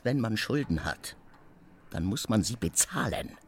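An actor playing a coarse, scheming man who blusters, insults and shouts, in a radio drama. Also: on the low side, sing-song, measured pace, a little hiss or hum. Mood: sneering. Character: coarse bullying middle-aged man, loud and scheming.

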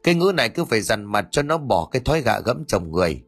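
A man puts on a cantankerous old mother-in-law who barks coarse, bossy scolding. The voice is pitched a little above his usual and has a husky edge. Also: sing-song, fast, faint music behind, heavily acted. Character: foul-mouthed, scolding elderly mother-in-law.

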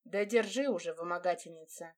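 A woman's voice: lowish voice, fairly quick, close to an everyday voice. A woman reading an audiobook, voicing an arrogant young nobleman who speaks curtly and scornfully. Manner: curt and scornful.

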